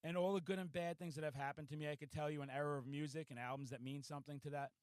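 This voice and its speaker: Hyper high-voiced man in his forties. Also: fairly even intonation, very fast, clean tone, dry recording. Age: 40s. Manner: hyper, loud, profanity-laced ranting. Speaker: podcast host. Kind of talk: casual podcast chat.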